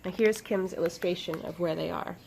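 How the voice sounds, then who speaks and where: A woman author reading her children's book aloud with expressive storytelling and dramatic pauses. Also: fairly low pitch, creaky, slight background noise.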